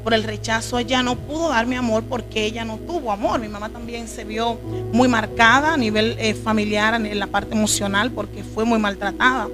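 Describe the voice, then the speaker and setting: Speaking at a normal pace in a steady, slightly high voice, this guest preacher from the Dominican Republic shares her life story with earnest emotion. Music plays in the background of the testimony interview, and her Dominican accent is clear.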